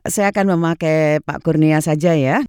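A woman's voice: low voice, normal speed, background noise. A woman conducting a conversational radio interview as the interviewer.

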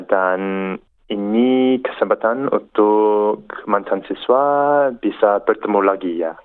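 A man, an English speaker speaking Indonesian as a foreigner, answering haltingly in a radio interview. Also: lowish voice. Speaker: interview guest, army captain and language student. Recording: narrow phone-like sound.

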